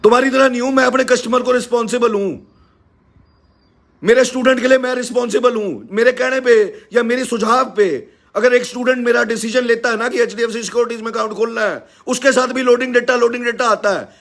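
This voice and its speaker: A man with a Haryanvi accent hosting a live stream, ranting loudly and indignantly as he scolds a company. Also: very high voice, steady tone, brisk, creaky. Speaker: live-stream host and teacher. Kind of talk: angry live-stream rant.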